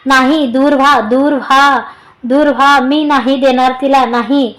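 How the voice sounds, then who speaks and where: A woman's voice: sits high, steady tone, a little slow, fairly bright tone, rough recording. A woman voicing a terrified young woman who frantically repeats herself, read aloud in an audio story. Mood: frantic.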